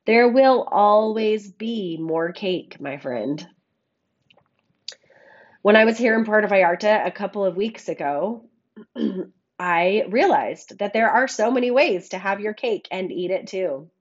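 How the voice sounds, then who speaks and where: A woman podcast host with a scratchy frog voice, hoarse from a cold, giving a reflective monologue and addressing listeners affectionately on a makeshift microphone. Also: mid-range voice, expressive, measured pace, lo-fi sound. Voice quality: scratchy, froggy voice. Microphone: makeshift microphone, not a studio one.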